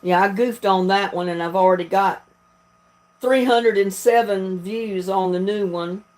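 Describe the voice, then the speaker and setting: A woman from North Carolina with a Southern accent hosts a livestream as a video creator, chatting casually in a folksy way. Her mid-range voice is a little slow with a darkish tone, and she laughs often.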